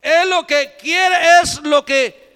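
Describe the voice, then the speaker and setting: A man from Mexico preaching a sermon in short phrases for an interpreter, emphatic and often shouting. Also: very high voice, slow pace. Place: church hall. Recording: echoey church hall.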